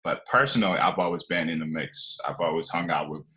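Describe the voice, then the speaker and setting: A man in his twenties, originally from Liberia, tells his life story as a podcast guest, rambling loosely with lots of fillers and restarts in a casual conversational way. His voice is low and fairly quick with a sharp tone.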